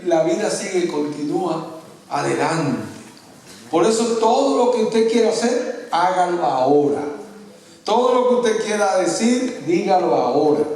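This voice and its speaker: A man's voice: high-pitched, darkish tone. A man preaching a sermon as pastor, telling stories, calling the listeners brother and acting out the people he quotes. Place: church. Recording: echoey church hall, voice from far off the mic.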